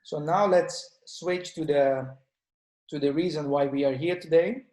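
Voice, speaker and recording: A man's voice: on the high side, steady tone, measured pace, a little mellow. A man who grew up in the Netherlands, a dental technician giving a webinar lecture in a plain manner and often restarting words. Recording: roomy echo.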